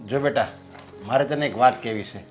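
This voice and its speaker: A man's voice: mid-range voice, fairly quick, faint music behind, natural voice. An actor playing a stubborn, traditional middle-aged father who lectures his son firmly about marriage and family. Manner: firm, lecturing, proverb-like reasoning.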